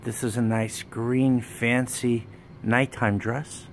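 A man, running a wholesale business, giving a plain walkthrough sales pitch in a warehouse, listing items one by one while filming on a handheld phone. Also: flat delivery, slow pace, slight background noise. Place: indoor warehouse with dress racks. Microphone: handheld phone camera, speaker off screen.

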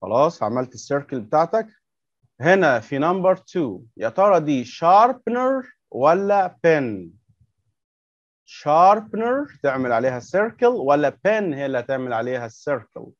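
A man's voice: on the high side, very animated, no echo, lo-fi sound. Patient Egyptian teacher, man. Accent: Egyptian Arabic. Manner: patient, repeats words slowly and asks questions. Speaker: English teacher for young children. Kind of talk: workbook lesson explained step by step.

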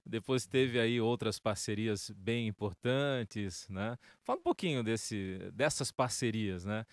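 Radio interviewer asking winding questions. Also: male voice, on the low side, unhurried, no room sound, studio quality. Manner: long winding questions, often tagging "né?". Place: radio studio.

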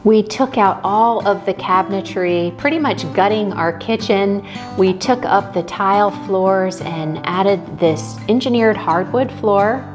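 A woman calmly narrating a home tour as a vlogger, talking through each room in a homey, unhurried way. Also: mid-range voice. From Texas. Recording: faint background music.

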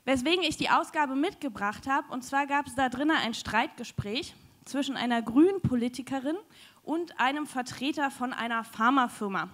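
A woman's voice: high-pitched, normal speed, fairly bright tone. A young woman giving a chatty, joking science slam talk on stage into a handheld mic, with many fillers. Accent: German. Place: large dim hall with audience.

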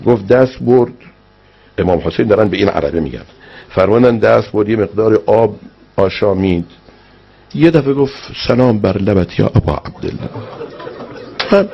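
A man's voice: vocal fry, slightly rough, muffled recording. A man preaching and telling a religious story, acting out the people in it with big swings in his voice. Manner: animated storyteller, acts out quoted speech with big pitch swings.

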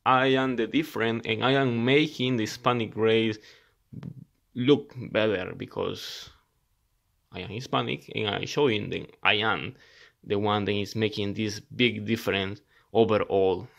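A man's voice: fairly low pitch, fairly even intonation, a little slow, vocal fry, a bit bright. A man in his thirties from El Salvador with a Salvadoran Spanish accent, a mechanic talking earnestly to his channel's viewers in simple phrases with frequent restarts. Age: 30s. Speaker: mechanic YouTuber. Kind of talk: casual talk to camera. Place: indoors at a laptop.

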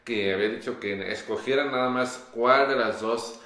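A young man co-hosting a gossip show, explaining in a measured way with "eh" fillers in a small studio. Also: mid-range voice, pushed and bright. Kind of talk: casual gossip chat. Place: small studio on a pink sofa. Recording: roomy echo.

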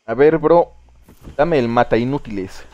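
A young Mexican man giving casual, excitable live commentary while playing a game. He swears freely and talks to his viewers. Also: mid-range voice, a little slow, dull audio. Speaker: streamer.

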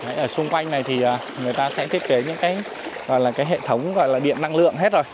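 A man's voice: on the high side, very fast, noisy background. A man giving a walking property tour of a riverside resort outdoors, speaking politely and deferentially to his viewers with frequent fillers, filmed on a handheld phone. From Vietnam. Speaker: real estate agent giving a property tour.

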